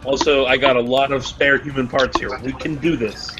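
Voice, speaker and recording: A man's voice: mid-range voice, steady tone, moderate pace, lo-fi sound, music in the background. A man playing a tabletop role-playing game, joking and talking through his character's actions. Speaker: player. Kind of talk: casual tabletop role-play chat.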